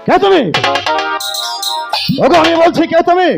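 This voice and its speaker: An actor playing an imperious, suspicious god in a hammy, declamatory, singsong folk theatre style. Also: male voice, extremely high pitch, steady tone, lo-fi sound. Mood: challenging, threatening. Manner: hammy, declamatory folk stage acting with drawn-out singsong lines. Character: Shiva, imperious wandering male god, demanding and suspicious. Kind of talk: Bengali jatra folk theatre acting. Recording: music behind the voice.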